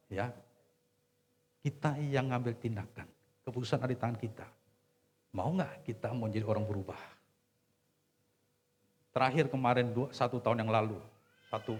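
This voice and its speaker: A male pastor preaching a sermon at a church service, sharing testimony and swinging from loud exclamations to quiet asides. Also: medium pitch, husky.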